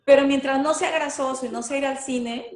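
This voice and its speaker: A woman, a guest telling a relaxed personal story. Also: high-pitched, fairly quick. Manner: relaxed, anecdotal. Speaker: guest on the show. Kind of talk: casual personal chat. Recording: echoey room.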